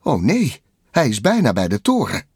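A man voicing a goofy, excitable male tow truck who hollers in a folksy way. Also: sits high, slow, vocal fry, slightly rough, dry recording, clean studio sound, pitched above the performer's own voice, exaggerated voice. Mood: gleeful. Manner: hollering, folksy, breathless glee.

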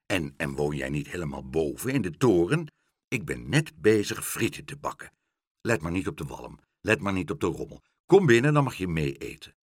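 Brief: man playing a booming, busy storybook father, loud and hearty, husky edge. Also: very animated, moderate pace, no echo, clean studio sound. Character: boisterous hospitable father cooking fries.

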